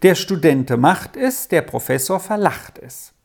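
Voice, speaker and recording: A reader doing a quick, teasing older boy. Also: medium pitch, wildly swooping pitch, a little mellow, full character voice. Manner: emphatic, teasing.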